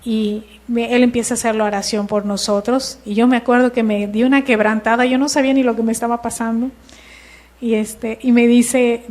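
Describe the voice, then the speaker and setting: Woman telling a lively testimony. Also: fairly high pitch, a little fast. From Mexico. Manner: lively storytelling, acting out dialogue. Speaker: church member giving testimony. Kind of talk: personal testimony.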